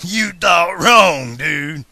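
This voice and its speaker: A man voicing a brutish male outlaw gunslinger who shouts sneering taunts. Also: fairly high pitch, lively intonation, drawn-out words, no echo, heavily acted. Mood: menacing.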